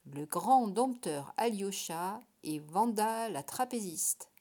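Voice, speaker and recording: A woman reading a storybook voices a cheeky young circus boy who announces people like a loud comic fairground barker. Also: mid-range voice, expressive, slow. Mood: showman.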